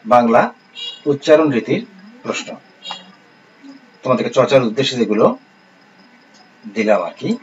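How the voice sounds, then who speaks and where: A man teaching a recorded online lesson, speaking in a calm, measured way and reading out lists of words slowly. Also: medium pitch. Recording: slightly dull lo-fi recording with faint hiss.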